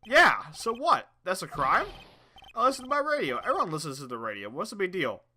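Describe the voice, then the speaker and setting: A man's voice: high-pitched, huge pitch swings, a little fast, pushed and bright, exaggerated voice. A man voicing a brash, defensive young male witness while reading game dialogue aloud. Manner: defensive, whiny.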